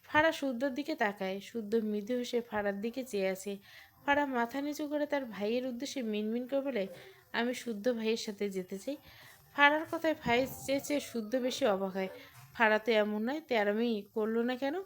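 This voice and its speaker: A woman narrating a romantic audio story with expressive storytelling. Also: fairly high pitch, a little fast.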